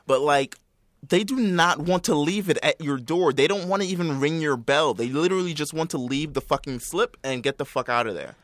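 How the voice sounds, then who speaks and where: A young man, telling a story as a profane, animated rant in casual chat. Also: fairly high pitch, brisk, no echo, studio quality. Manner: swears a lot, animated storytelling.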